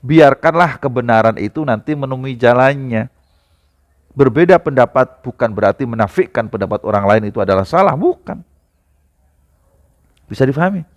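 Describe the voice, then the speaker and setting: A man preaching a sermon to a gathering, speaking to the audience directly and rising into emphatic high outbursts. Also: animated, moderate pace, pauses often, lo-fi sound.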